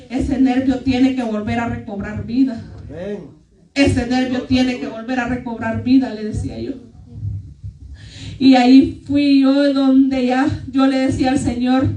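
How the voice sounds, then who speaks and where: A woman's voice: high voice, mellow. A woman giving an earnest, emotional testimony to her church congregation. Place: church hall. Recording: echoey church hall, mic far off.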